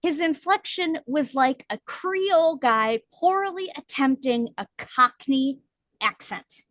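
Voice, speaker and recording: A woman co-hosting a book podcast in casual chat, explaining points at length with lively emphasis. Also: high-pitched, slow pace, no room sound. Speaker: podcast co-host.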